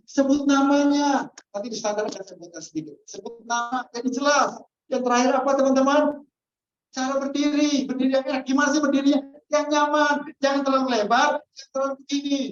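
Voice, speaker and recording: A woman trainer giving a customer-service training lecture and quizzing the audience as she goes. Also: high-pitched. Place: training hall. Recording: echoey, dull lo-fi room sound.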